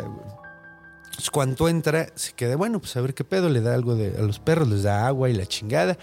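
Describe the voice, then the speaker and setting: A man's voice: mid-range voice, gravelly. A Mexican man hosting a podcast and telling a story casually, full of slang and curses. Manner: slangy, profane, animated. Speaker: podcast host.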